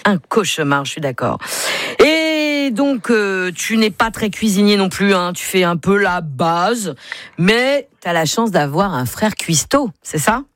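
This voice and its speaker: A woman's voice: medium pitch, lively intonation, no room sound, studio quality. Chatty woman game show co-host. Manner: chatty, teasing, quick asides. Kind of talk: lively radio game hosting.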